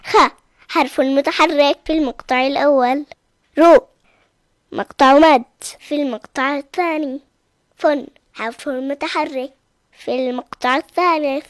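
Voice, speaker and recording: A performer voicing an eager young child pupil in a cartoon lesson, answering slowly and carefully. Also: high-pitched, fairly even intonation, no room sound, clean studio sound, lightly acted.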